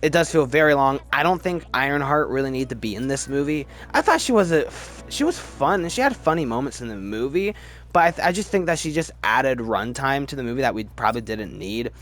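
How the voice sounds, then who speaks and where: A film-ranking video host speaks in an animated, fairly quick manner with a medium-pitched, slightly bright voice. His review commentary is casual and opinionated, delivered emphatically while he often stammers and repeats words.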